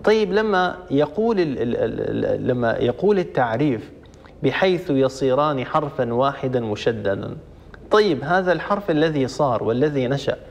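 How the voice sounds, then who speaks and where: Male tajweed teacher, gravelly voice, dull lo-fi sound, patient repeated examples. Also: mid-range voice, lively intonation. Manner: slow repetition of examples, many restarts. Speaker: Quran recitation teacher. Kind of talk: explaining tajweed rules. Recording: dull lo-fi recording.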